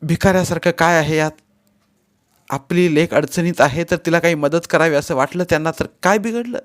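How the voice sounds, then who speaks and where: A male narrator voicing a young married woman who is hurt and close to tears, speaking higher and louder than his narration. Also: expressive, unhurried. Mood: indignant. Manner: pitched up, pleading then indignant.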